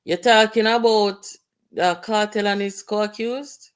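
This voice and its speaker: A Jamaican co-host talking in patois on a casual talk show. The voice sits at a middle pitch, animated and exclamatory, with frequent laughter running through the talk. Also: unhurried, clear, resonant tone.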